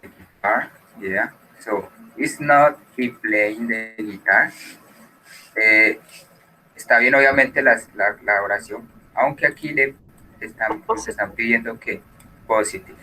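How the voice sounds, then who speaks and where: A man's voice: fairly low pitch, slow, sharp tone, slight background noise, poor audio. A man teaching an English class who explains patiently and switches between Spanish and English.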